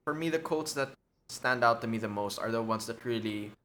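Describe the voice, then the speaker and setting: Co-host, man in his twenties, bright tone, reflective chat that acts out quotes. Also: mid-range voice, a little fast, a little hiss or hum. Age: 20s. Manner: thoughtful, acts out quoted lines. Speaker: podcast co-host. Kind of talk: casual chat reviewing a drama.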